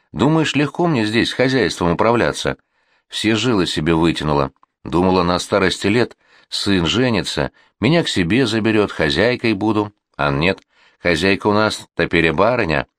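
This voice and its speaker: A man's voice: sits low, lively intonation, moderate pace, fairly bright tone, no echo, clean studio sound. A man voicing a bitter, reproachful old village grandmother in an audiobook reading, with a scolding, folksy manner. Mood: aggrieved. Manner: scolding, complaining, folksy speech.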